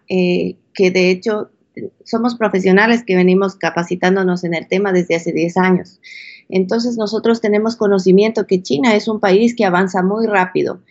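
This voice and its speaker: A woman's voice: medium pitch, a little mellow, highs cut off. A woman from Ecuador, a lawyer and consultant, explaining steadily in an interview. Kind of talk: interview answers.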